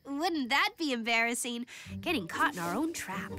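A woman's voice: on the high side, sing-song, normal speed, over music. A woman voicing a cheerful, encouraging little girl who leads her friends in a cartoon. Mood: light, amused. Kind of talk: animated cartoon acting.

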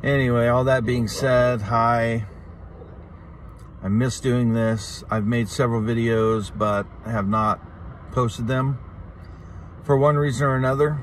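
A middle-aged man talking casually and candidly to a phone in a parked car, confiding and halting, with pauses and repeats. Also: mid-range voice, fairly even intonation. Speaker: vlogger, channel host. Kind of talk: casual, candid talk to the camera. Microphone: phone at arm's length. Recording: noisy in-car phone recording.

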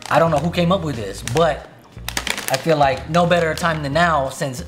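A man's voice: fairly high pitch, moderate pace, over music. A man in his twenties with an American accent hosting a casual food taste test in a joking, rambling, profane way. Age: 20s. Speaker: YouTube video host. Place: home kitchen, indoors.

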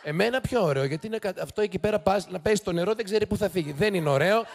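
Sarcastic gravelly male TV host. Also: high-pitched, lively intonation. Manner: sarcastic, teasing, quick mocking asides. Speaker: TV show host. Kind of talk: joking commentary to a studio audience. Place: TV studio. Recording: noisy studio with loud audience. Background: studio audience laughing and cheering.

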